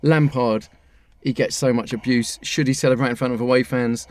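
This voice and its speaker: A man's voice: medium pitch, steady tone, moderate pace, no echo. A man in casual football chat, hesitant, weighing both sides of the issue. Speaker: football fan pundit.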